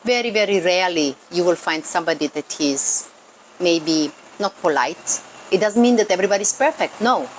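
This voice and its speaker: With a low-leaning voice and lively intonation, a local tourism worker from Croatia explains things off the cuff in accented, non-native English at a moderate pace, earnestly repeating words for emphasis. The low-quality audio to camera carries clear background noise.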